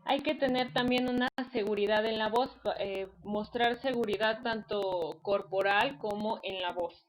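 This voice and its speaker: A woman's voice: mid-range voice, measured pace, rough recording. A woman teacher, giving an online class lecture in a patient, explanatory way with frequent fillers.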